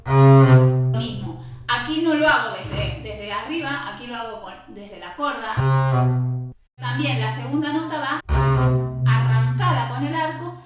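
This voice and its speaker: A woman teaching double bass, explaining patiently, singing rhythms with syllables and counting aloud. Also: unhurried, over loud music. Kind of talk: instructional music lesson. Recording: very echoey room.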